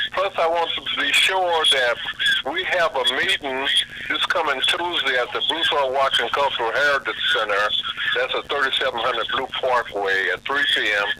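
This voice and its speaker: A man hosting a call-in radio talk show, speaking in an unhurried way as he introduces callers and announces events. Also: mid-range voice. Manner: unhurried, announcing and giving directions. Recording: noisy radio broadcast.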